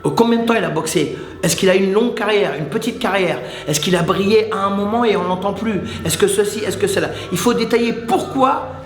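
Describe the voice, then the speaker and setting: A man's voice: sits high, brisk, echoey room. A male channel host talking casually and enthusiastically to the camera, speaking straight to his viewers and repeating his points. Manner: chatty and enthusiastic, addresses viewers directly, repeats himself. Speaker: muay thai channel host.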